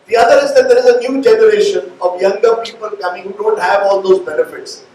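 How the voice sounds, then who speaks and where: A man's voice: sits high, quick pace, a little mellow. A middle-aged man with an Indian accent, hosting a live interview with long, reflective, meandering questions. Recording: echoey room, distant mic, faint noise.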